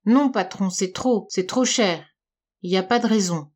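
A woman's voice: medium pitch, moderate pace, darkish tone, close to an everyday voice. Timid young maid, as a woman reads her. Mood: embarrassed. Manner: hesitant, pleading.

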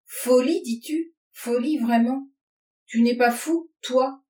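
Un jeune homme amer et furieux, qu'une femme interprète en lisant, hurle son dégoût de l'humanité. La voix monte et force, portée par un enregistrement lointain et réverbéré. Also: female voice, high voice, slow pace, pitched above the performer's own voice. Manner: shouting, scornful tirade. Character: furious, bitter young man raging against mankind. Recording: roomy sound from a distance.

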